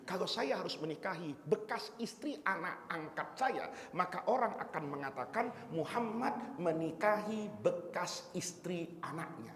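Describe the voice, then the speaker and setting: A man's voice: high voice, big-room sound, a little hiss or hum. A male preacher giving a sermon, telling stories playfully and quizzing his audience. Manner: lively storytelling, quizzes audience, playful asides.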